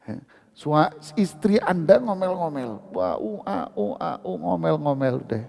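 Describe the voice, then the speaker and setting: Animated gravelly man preaching in a mosque hall. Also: on the high side, slow. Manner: animated, teasing, asks the audience questions. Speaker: ustadz giving a mosque study session. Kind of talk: lively mosque sermon with jokes and questions to the congregation.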